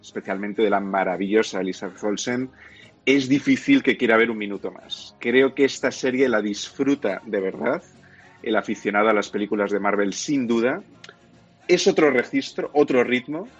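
A man with a Castilian accent talks as a radio reviewer, explaining and giving opinions in a measured way. His voice is lowish and husky, over faint background music. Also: muffled recording. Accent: Castilian Spanish. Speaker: television and film reviewer.

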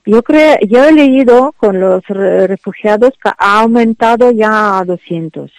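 A woman's voice: mid-range voice, a little slow, darkish tone, dry recording, low-quality recording. A woman from Ukraine, a native Ukrainian speaker with a Ukrainian accent, answering as a radio interview guest, hesitant with many fillers and restarts.

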